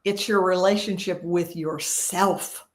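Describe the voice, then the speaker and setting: A woman's voice: lowish voice, steady tone, takes it slowly. Older woman organizer, earnest and emphatic, casual co-host talk. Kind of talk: casual conversation.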